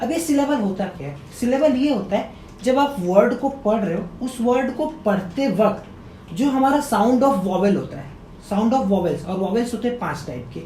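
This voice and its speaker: In an echoey room with a faint rumble, a man with a darkish tone teaches grammar. He quizzes viewers by repeating key words back as questions and slowly pronounces words syllable by syllable.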